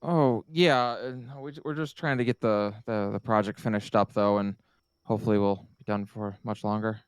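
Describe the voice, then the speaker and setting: Casting: man doing a flustered young woman, hesitant, smooth voice, dry close sound. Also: lowish voice, fairly even intonation, normal speed, no room sound, natural voice. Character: confused young woman in a dream.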